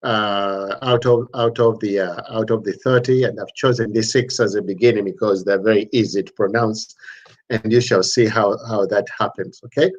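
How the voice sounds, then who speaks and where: A man's voice: fairly low pitch, steady tone. A man teaching an introductory online language lesson, patiently sounding out syllables and often restarting his sentences. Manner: patient, repeats syllables slowly, many restarts. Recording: slightly dull lo-fi audio.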